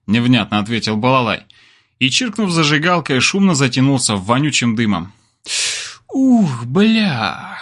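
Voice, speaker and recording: A man narrating a story in the first person in an expressive storytelling manner. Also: medium pitch, a little fast.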